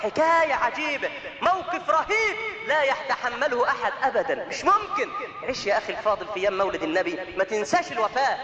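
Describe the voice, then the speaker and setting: Male preacher, Egyptian Arabic accent, very high voice, dramatic sermon storytelling, long hall reverb. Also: big pitch swings, fast, highs cut off, a crowd in the background. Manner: dramatic, with big swings in pitch and loudness.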